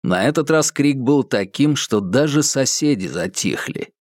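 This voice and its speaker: Man, audiobook narrator, dramatic reading, lively pitch, close dry recording. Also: measured pace, dry recording.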